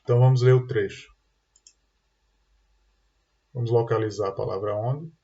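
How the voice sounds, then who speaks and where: A Brazilian man teaches grammar over a computer mic, walking through each answer patiently and checking understanding as he goes. His voice sits at a medium pitch. The sound is dull and lo-fi. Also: fairly even intonation, normal speed, gravelly, mellow. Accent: Brazilian Portuguese. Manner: explanatory, tag questions "tá?" and "né?". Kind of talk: online exam-prep lesson.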